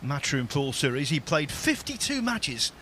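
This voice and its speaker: A man's voice: a little high, very animated, unhurried, pushed and bright, slight background noise. A man commentating on a pool match, giving emphatic, punchy remarks backed by stats. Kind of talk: live sports commentary.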